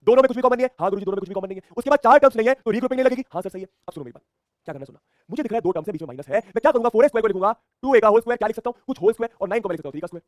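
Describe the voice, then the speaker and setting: Male math teacher, very fast, energetic, self-questioning, repetitive, dry close sound. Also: very high voice, no echo. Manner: energetic, repeats phrases, asks and answers his own questions. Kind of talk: online math lesson.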